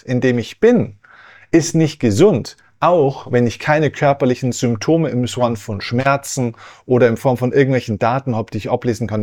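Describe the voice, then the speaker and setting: A man's voice: mid-range voice, darkish tone. Man explaining health, rhetorical questions. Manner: didactic, repeats and rephrases, asks rhetorical questions with "ja?". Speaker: podcast host. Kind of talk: explanatory health podcast monologue.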